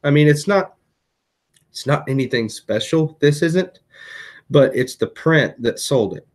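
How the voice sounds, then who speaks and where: Speaking unhurriedly in a rather high voice with lively intonation, this tired man runs a laid-back reseller vlog late at night. He hiccups while going over things he sold on eBay, stumbling through fillers and correcting himself often.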